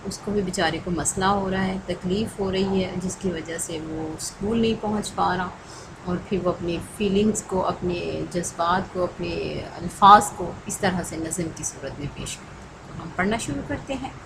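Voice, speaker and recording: A woman's voice: on the low side, normal speed. A woman school teacher explains a lesson to children patiently, often checking in with them. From Pakistan. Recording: recording with clear background noise.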